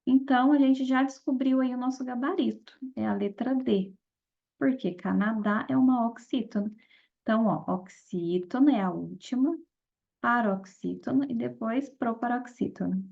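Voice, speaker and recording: Woman teacher with a gravelly voice. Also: fairly high pitch, moderate pace. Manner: explanatory, checks in with listeners often. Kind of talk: exam-prep lesson. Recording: dull lo-fi audio.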